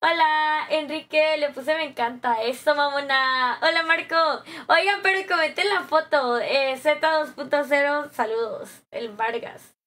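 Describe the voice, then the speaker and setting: High-voiced Mexican woman, slightly hoarse. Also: measured pace, hardly any pauses, bright, forceful tone. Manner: chatty, bubbly, slangy. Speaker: streamer. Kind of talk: live stream chat, greeting viewers and reading comments.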